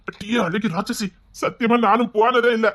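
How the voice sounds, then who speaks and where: Woman playing a shy, husky-voiced young man with a Tirunelveli accent. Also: on the high side, unhurried, a bit bright. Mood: joyful, teasing. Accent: Tirunelveli Tamil. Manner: hesitant, stammering, apologetic. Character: shy tender young man, tearful and devoted. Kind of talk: web-series drama acting.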